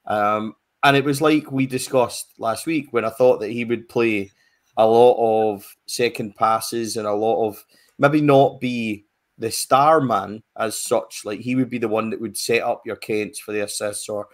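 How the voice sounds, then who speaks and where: Chatty man, lower voice. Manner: chatty, many restarts and fillers. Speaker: football podcast pundit. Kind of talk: casual football discussion.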